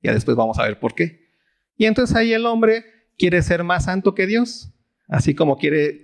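A man with a Mexican Spanish accent teaching a Bible study in a casual, conversational sermon style, often asking the audience questions and acting out quoted voices. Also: gravelly. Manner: acts out quoted voices with big pitch swings.

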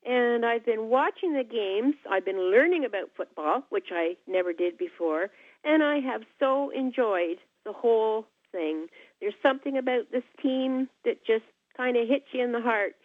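A woman's voice: on the high side, animated, normal speed, no room sound. An older woman calling a talk radio show over the phone, speaking earnestly and with enthusiasm. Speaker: caller. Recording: tinny dry phone line.

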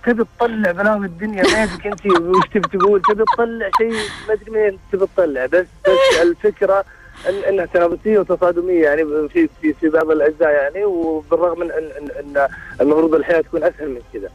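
A man pours out his marriage troubles at a very fast clip, restarting again and again as he hunts for the right word. His voice sits a bit high for a man. It comes through a muffled, lo-fi phone line. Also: expressive. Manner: rambling, searching for words, frequent restarts. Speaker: caller seeking marriage advice. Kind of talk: call-in radio conversation.

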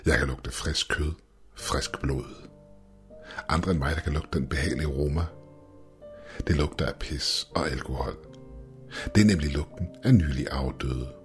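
A man's voice: rumbling low, pauses often, faint music behind. A man voicing a grotesque male game show host who is gleeful and cruel, in showman patter. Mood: gloating.

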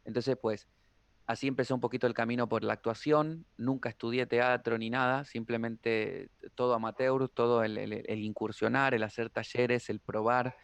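Man, guest tarot reader, lively storyteller, dry close sound. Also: mid-range voice, normal speed, gravelly, clear, resonant tone, no room sound. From Argentina. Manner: animated storyteller, playful, slips into impressions. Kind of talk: casual interview chat.

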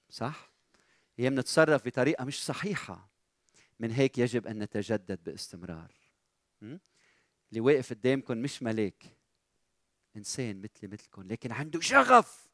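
A man with a Lebanese Arabic accent preaching a sermon as pastor, animated and asking the congregation questions with rising emphasis. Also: mid-range voice, no echo, clean studio sound.

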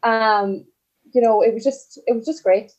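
A dull, slightly lo-fi recording of a young woman with a Donegal accent. Her voice is fairly high yet very mellow, and she chats casually as a guest. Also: normal speed. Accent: Donegal, Ireland. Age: young adult. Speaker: podcast guest, country singer. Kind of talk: casual chat.

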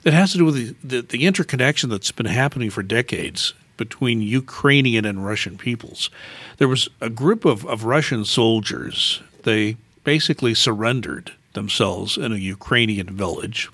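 Guy hosting an interview, measured and deliberate, mid-pitched, dry close mic. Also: a bit bright, no room sound. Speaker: host. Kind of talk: radio interview.

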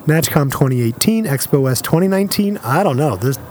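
A man with a fairly high, very lively voice co-hosts a joking podcast. He is playful and quick to laugh, with faint noise under the recording. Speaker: podcast co-host. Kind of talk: casual comedic podcast banter.

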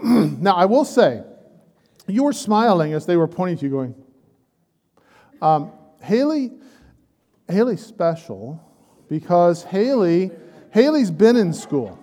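Rambling, joking middle-aged pastor. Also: male voice, a little high, warm tone. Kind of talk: casual address to a church group. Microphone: handheld microphone. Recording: long hall reverb with murmuring crowd.

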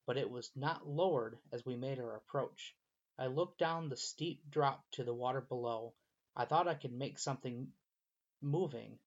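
A man narrating a first-person fantasy story in a steady, measured storytelling manner, slightly muffled recording. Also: medium pitch.

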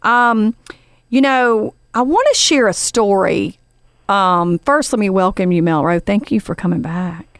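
A woman's voice: mid-range voice, animated, measured pace, no room sound. Chatty woman podcast host, dry close sound. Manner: chatty and warm, many fillers, addresses the guest as honey. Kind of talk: casual podcast storytelling.

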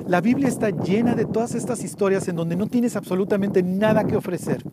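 A man with a Mexican accent teaching Bible stories outdoors at a historic site, telling them lively and acting out the voices. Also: high voice, a little fast. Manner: lively storytelling, acts out biblical voices. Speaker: tour guide preacher. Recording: loud outdoor noise.

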